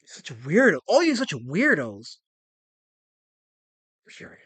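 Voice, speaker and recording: A man in his forties hosting a casual livestream, excitable and rambling as he reads chat messages aloud. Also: a little high, slow, breathy edge, no room sound. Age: 40s. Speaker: livestream host.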